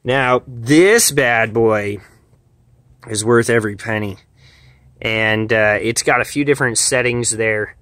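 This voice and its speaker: A man's voice: medium pitch, slow pace, a bit bright, no echo. A man in his thirties, chatty and plain-spoken with lots of "uh" and "um", giving camping gear advice outdoors at a campsite and talking into a handheld camera. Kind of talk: casual outdoor gear talk.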